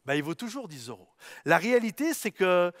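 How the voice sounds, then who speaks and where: A man's voice: high voice, sing-song, fairly quick, a bit bright, no room sound, clean studio sound. A man preaching a sermon, telling stories with fervor and speaking directly to his listeners. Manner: storytelling, fervent, addresses listeners directly. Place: streamed service, speaking to viewers.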